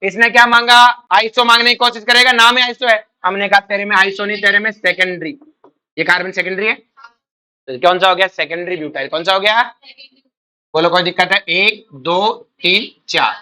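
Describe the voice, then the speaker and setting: Bright, crisp-voiced male chemistry teacher. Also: high-pitched, fairly even intonation, normal speed. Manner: quizzing students, calling them "beta", repeating answers. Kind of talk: coaching lecture with call-and-response.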